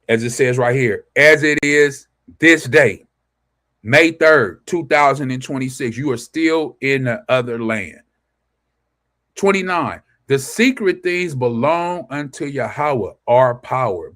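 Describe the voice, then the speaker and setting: A scripture teacher hosts a laid-back study livestream, reading passages aloud and preaching informally while raising rhetorical questions he answers on his own. He has a medium-pitched, slightly bright voice that is expressive and slow.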